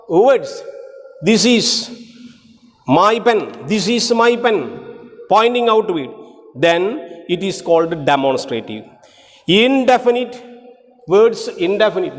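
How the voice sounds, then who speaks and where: A man with a high voice gives a grammar lecture at a slow, deliberate pace. He repeats every rule and breaks his examples down word by word. His voice rings out with a long hall reverb. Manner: repeats key points slowly, drills examples word by word. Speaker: grammar teacher.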